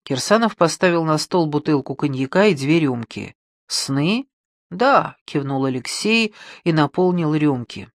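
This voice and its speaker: A man narrating an audiobook in a low, calm, even voice. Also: normal speed, few pauses, dry recording, clean studio sound. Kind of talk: scripted narration.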